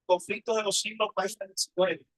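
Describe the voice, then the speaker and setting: Male preacher, husky voice, emotional testimony storytelling, rhetorical questions. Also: high voice, flat delivery, moderate pace, a bit bright, no echo, poor audio. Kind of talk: personal testimony sermon.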